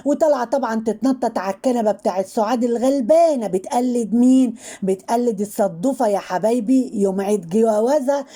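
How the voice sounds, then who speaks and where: A woman's voice: a little high, fast talker, mellow. A woman with an Egyptian accent hosting her channel, giving chatty, mocking gossip commentary and leaning on the same filler words again and again. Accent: Egyptian Arabic. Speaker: channel host commenting on online personalities.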